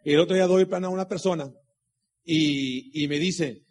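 Husky-voiced man giving a motivational talk. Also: a little high, moderate pace, darkish tone. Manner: preachy, asks rhetorical questions and repeats key lines; tells personal anecdotes. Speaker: motivational speaker at a business meeting. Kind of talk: motivational talk to a live audience.

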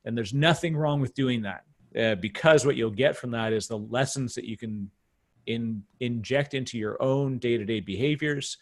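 A man's voice: mid-range voice, normal speed. Canadian man hosting a podcast. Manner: animated, lots of restarts and emphatic asides. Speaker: podcast host. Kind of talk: casual podcast conversation.

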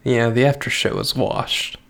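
Male co-host, gravelly voice, blown-out fuzz distortion, loud joking banter. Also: mid-range voice, fairly even intonation, measured pace. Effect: fuzzy clipped distortion from talking too loud into the mic. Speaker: podcast co-host. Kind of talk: casual after-show banter.

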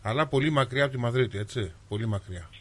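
Man, mid pitch, podcast co-host, casual, interjecting remarks. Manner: chiming in with remarks. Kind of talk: casual chat.

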